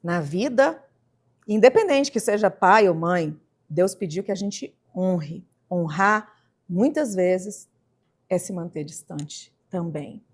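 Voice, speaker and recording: A woman's voice: on the low side, animated, takes it slowly. A woman with a Brazilian accent hosting an interview podcast, talking reflectively and tagging her thoughts with "né", then rising sharply for emphasis. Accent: Brazilian Portuguese. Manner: reflective, with frequent "né" tags and sudden emphatic rises. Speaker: podcast host. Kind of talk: casual interview talk.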